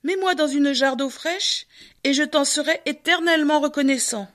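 A woman voicing a small magical golden fish that speaks gently and calmly in a storybook tale. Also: sits high, normal speed, pitched above the performer's own voice. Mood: gentle. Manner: gentle, calm, pleading.

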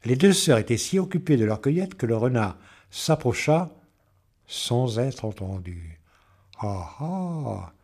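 Calm male storyteller for a children's tale, warm mellow tone. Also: medium pitch, a little slow. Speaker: narrator. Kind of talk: storybook reading.

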